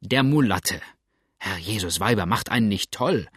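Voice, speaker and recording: A man voicing a gruff, flustered old backwoods farmer who grumbles and blurts things out. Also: lowish voice, expressive, moderate pace, no room sound, clean studio sound. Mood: flustered grumbling. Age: older. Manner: grumbling, rattled, loud outbursts.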